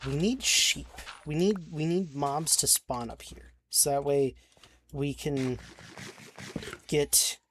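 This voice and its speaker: Slow and fairly high-pitched, with a fairly bright tone, a young man gives game commentary as a let's-play creator. He rambles, gets frustrated, swears, and keeps restarting what he's saying. Faint keyboard clicks and slight background noise can be heard.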